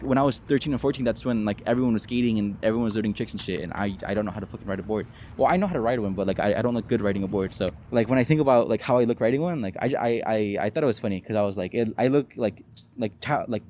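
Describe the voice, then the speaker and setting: Young man, 19, low voice, quick casual vlog talk full of swearing and restarts. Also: a little mellow. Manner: rambling, swears a lot, many restarts and fillers. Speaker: vlogger. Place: outdoors with mosquitoes.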